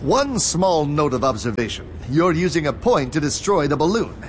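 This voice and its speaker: A man's voice: fairly high pitch, very animated, moderate pace, slight background noise. A man playing a pompous, earnest and slightly dim cartoon superhero with a wordy, declamatory manner. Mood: pedantic, questioning. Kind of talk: superhero cartoon parody audio drama acting.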